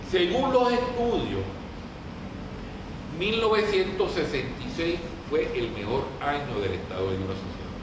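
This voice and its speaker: A man with a Puerto Rican Caribbean Spanish accent gives an informal, didactic history talk to a group in colloquial language, often putting questions to them. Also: medium pitch. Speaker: lecturer. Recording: very echoey room, distant mic, clear noise.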